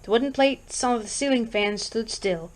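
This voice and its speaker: A woman reads a horror short story aloud, calm and measured. Her voice sits high and she keeps an even, steady reading pace. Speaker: reader.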